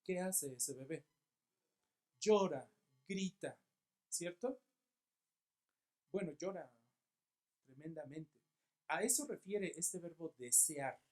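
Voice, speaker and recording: A man with a Mexican accent preaching a sermon as pastor, asking questions and answering them himself, with emphatic repetition that swings between loud and soft. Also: a little high, animated, slow, long pauses. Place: church.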